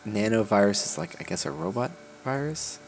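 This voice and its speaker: A man's voice: on the low side, a little fast, gravelly, faint music behind. A man hosting a casual game stream, laid-back, reading game text aloud with dry asides. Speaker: channel host. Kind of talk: casual gaming chat.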